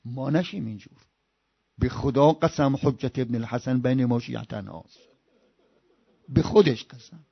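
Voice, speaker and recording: A man preaching an impassioned sermon. He swings from loud outbursts to hushed murmurs and chants scripture in a slow recitation. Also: medium pitch, gravelly, husky, no room sound, highs cut off.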